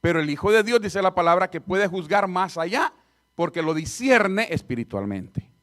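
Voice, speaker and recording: A male pastor preaching a sermon in a church. He moves between loud, emphatic repetition and low, quiet asides. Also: big pitch swings, moderate pace. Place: church sanctuary.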